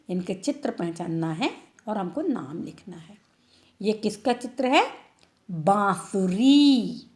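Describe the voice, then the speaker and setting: A woman teaches little children in an unhurried online lesson. She stretches out each word and keeps checking in with her pupils. Her voice sits at an ordinary middle pitch. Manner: slow, drawn-out word-by-word reading, tag questions to pupils. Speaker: primary school teacher. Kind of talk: online class for young children.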